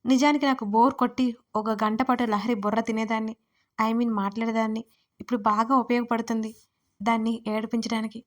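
Woman narrator, first-person audio story, playful, a touch high-pitched. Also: flat delivery, a little fast.

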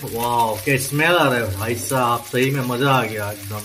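Excited Assamese man vlogging his cooking. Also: medium pitch, moderate pace, a little hiss or hum, poor audio. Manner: enthusiastic, exclaims over the smells and flavours. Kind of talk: casual cooking vlog. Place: home kitchen. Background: food sizzling and frying.

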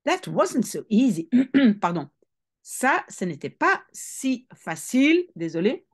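Slow, lively-voiced teacher. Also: female voice, a little high. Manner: patient explaining, switching between English reading and French explanation; clears her throat now and then. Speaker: language teacher. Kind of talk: reading a novel aloud and translating it for students.

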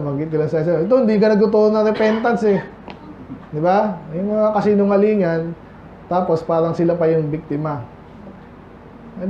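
A man preaches from the pulpit in a high voice, asking his listeners questions as he goes and putting on a whiny, mocking tone for the people he quotes. The sound is roomy and muffled, as if caught in a church hall on a modest recorder, with a faint hiss underneath. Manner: conversational, asks the congregation questions. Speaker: pastor. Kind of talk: sermon. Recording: echoey, dull room recording.

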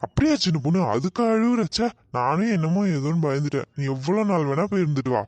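A woman's voice: deep voice, lively intonation, quick pace, a little mellow, dry recording, voice pushed down. Woman doing a mild, soothing husband. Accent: Kanyakumari Tamil. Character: easygoing husband, mild and reassuring.

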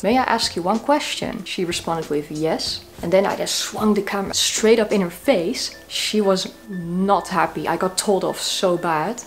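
A woman in her thirties sharing tips to camera from a small cozy room, with a dry, self-mocking humor. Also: on the low side. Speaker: YouTube creator. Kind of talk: talking-head tips video.

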